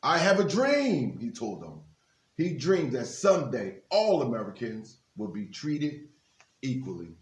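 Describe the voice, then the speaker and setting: His mid-range voice swoops wildly in pitch as he reads a children's book at a measured pace, pausing for informal, upbeat comments to the young listeners. The man is a guest reader at a basketball team's literacy-program event, captured in an echoey, reverberant space.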